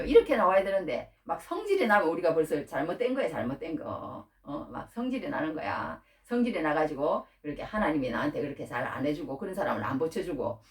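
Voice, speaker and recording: A woman preaching a Bible-teaching sermon, animated and full of rhetorical questions, acting out quoted prayers. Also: low-pitched, far from the mic. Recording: echoey room, voice from off-mic.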